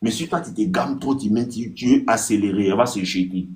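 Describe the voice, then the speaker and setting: On a live stream, a man from Ivory Coast with an Ivorian French accent gives casual dating advice, talking fairly quickly in a slightly mellow voice. He addresses listeners directly, repeats his points, and acts out text exchanges in a higher voice.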